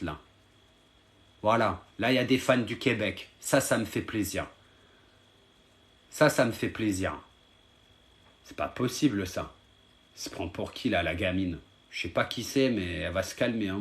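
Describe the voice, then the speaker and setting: A man's voice: lowish voice, normal speed, pauses often, a bit bright. A man streaming live and talking to his viewers, scolding them in a heated, repetitive way.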